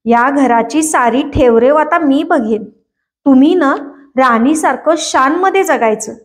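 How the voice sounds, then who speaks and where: A woman's voice: sits high, a little slow. Woman reading as an earnest young bride. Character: young woman, orphaned, proud and humble.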